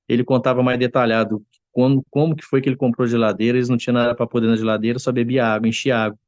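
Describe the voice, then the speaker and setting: A man's voice: mid-range voice, flat delivery, very fast, a little mellow, no echo, dull audio. Earnest man telling a church testimony. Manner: earnest storytelling, often addresses listeners as brothers; acts out quoted voices. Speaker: church member giving testimony. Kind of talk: testimony to a congregation.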